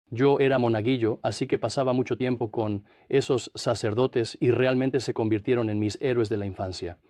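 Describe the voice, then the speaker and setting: An older man from New Jersey, a priest and interview guest, recounting his life in a measured, reflective way. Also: mid-range voice, darkish tone, no echo, studio quality. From Trenton, New Jersey, USA. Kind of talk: studio interview, dubbed.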